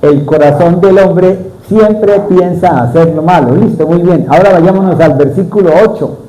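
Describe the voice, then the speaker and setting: A man's voice: sits high, moderate pace, mellow, low-quality recording. A middle-aged man preaching a sermon, often putting questions to his congregation.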